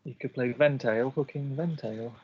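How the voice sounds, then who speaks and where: A man's voice: mid-range voice, moderate pace, breathy edge, highs cut off. A man giving live game commentary, chatty and analytical as he breaks down each move.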